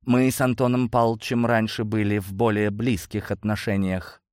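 A man's voice: on the low side, flat delivery, moderate pace, darkish tone, dry recording, clean studio sound, close to an everyday voice. A man reading a cold, proud professor.

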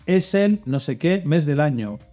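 A man's voice: on the high side, lively intonation, unhurried, mellow, soft background music. A man hosting a children's religious quiz show, reading out clues and coaxing the contestants with hints. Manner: reads clues then coaxes and hints. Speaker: quiz host.

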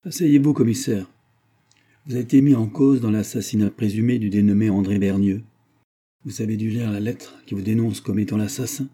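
A rigid young gendarmerie officer, read by a man in an audiobook. He interrogates in curt, formal phrases. The voice is dark and husky. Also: lowish voice, fairly even intonation, a little fast. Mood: cold. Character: stiff young male gendarmerie officer, cold.

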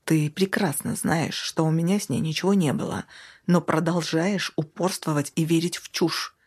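A woman voicing a calm, sarcastic young man trading barbs in a stuck lift. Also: low voice, normal speed, breathy edge.

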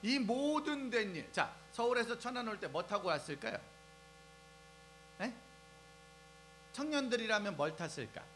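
A man preaching a lively sermon to young people, asking the crowd questions and acting out scenes as he goes. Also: high voice, normal speed, long pauses, low-quality recording. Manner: animated, asks the crowd questions and acts out scenes. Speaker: preacher at a youth service. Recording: faint music and mains hum behind.

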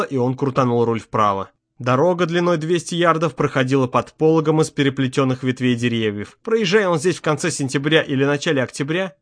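A man reading an audiobook chapter aloud in a steady, tense narration, close to the microphone. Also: fairly high pitch, no echo. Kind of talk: scripted narration.

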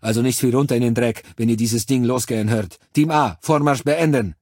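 A man voicing a gruff male sergeant who shouts clipped military orders at his troops. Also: mid-range voice, a little fast, no room sound, clean studio sound, lightly acted. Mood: commanding.

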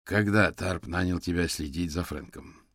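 A man doing a gruff, curt male detective. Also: low-pitched, moderate pace, fairly bright tone, no room sound, studio quality.

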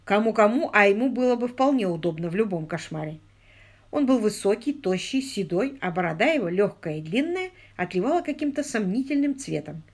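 A woman's voice: medium pitch, big pitch swings, a little fast. A woman narrating a comic story in a dry, ironic way. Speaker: audiobook narrator. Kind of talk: scripted narration.

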